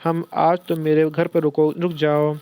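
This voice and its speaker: A man voicing a caring young male boss who talks gently and affectionately. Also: fairly high pitch, completely flat delivery, measured pace, smooth, dry recording.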